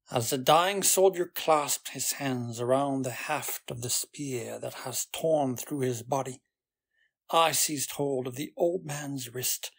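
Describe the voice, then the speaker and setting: A man reading a fantasy novel aloud in a soft, unhurried way, as a bedtime story. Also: mid-range voice, breathy edge. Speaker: audiobook narrator.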